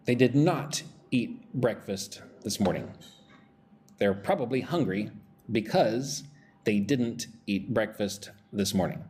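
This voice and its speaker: A man's voice: medium pitch, dark tone. A man teaching English pronunciation on a live stream, talking with energy and reading out viewers' chat messages.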